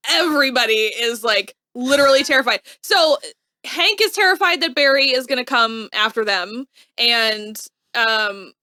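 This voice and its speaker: A woman co-hosting a casual show recap podcast, retelling scenes in a chatty, animated way with quoted asides. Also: on the high side, normal speed, no room sound. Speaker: podcast co-host.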